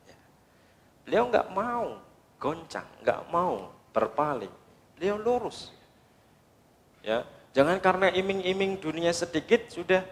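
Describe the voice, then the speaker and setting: A man preaching to a congregation. His voice sits at an ordinary middle pitch but keeps jumping up for insistent emphasis. He talks in short phrases and caps many of them with a quick affirming word. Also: a bit bright. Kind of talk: sermon.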